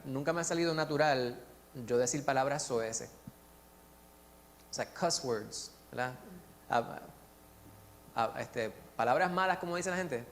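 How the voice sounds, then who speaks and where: A man with a Puerto Rican accent leading a church Bible study, lively and joking, asking the group questions. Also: on the high side. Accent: Puerto Rican Spanish. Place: church meeting room. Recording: faint hum in a long-reverb hall.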